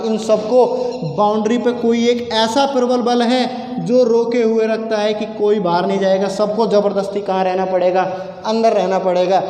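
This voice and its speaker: A man's voice: high voice, a little mellow. A male physics teacher giving a classroom lecture, asking questions and answering them himself. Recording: echoey classroom with long reverb.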